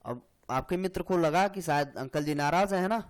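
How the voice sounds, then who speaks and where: Male tutor with a high voice, for an exam-prep grammar lesson; slow, repetitive, keeps checking the student follows. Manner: explains slowly, repeats lines, frequent "hai na" and "theek hai". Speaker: Hindi grammar teacher.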